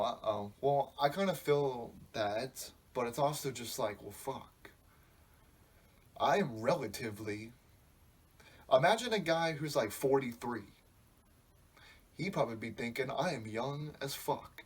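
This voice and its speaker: A husky, mid-range male voice at a moderate pace belongs to a podcast host in his twenties. He muses loosely in a casual solo monologue, cursing often.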